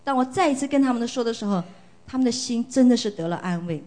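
A middle-aged woman from China tells her story at a church service in a fairly high voice. She speaks earnestly and with feeling, and often repeats a phrase to stress it. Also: lively intonation, quick pace, darkish tone. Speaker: church member giving testimony. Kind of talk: church testimony.

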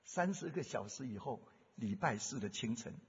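A male preacher giving a sermon, fervent, moving from hushed storytelling to loud exhortation. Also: medium pitch, lively intonation, normal speed, breathy edge. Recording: dull sound with long hall reverb.

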